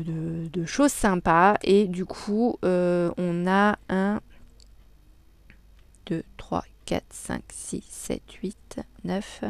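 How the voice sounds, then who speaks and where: Slow, hesitant woman vlogger. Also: lowish voice, darkish tone, clear, resonant tone, no room sound. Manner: hesitant, many fillers, chatty. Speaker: crafting vlogger. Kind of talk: casual haul video chat.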